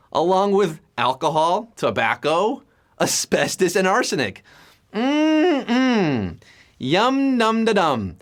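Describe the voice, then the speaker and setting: A man hosts a live trivia game show, reading out questions with playful, jokey patter. His tone is fairly bright, and his pitch jumps suddenly.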